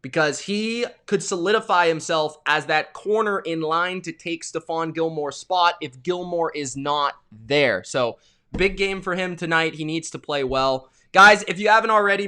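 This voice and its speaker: A young man runs a live sports reaction stream from his desk mic. His voice sits high and sounds bright and sharp. He is excitable and talkative, greeting viewers by name between plays. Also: moderate pace, clean tone.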